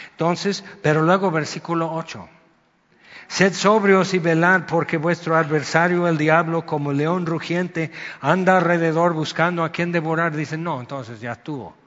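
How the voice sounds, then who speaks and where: A man's voice: fairly high pitch, fairly bright tone. A man preaching a sermon, chatty and storytelling, breaking into sudden emphatic outbursts. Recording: dull sound with long hall reverb.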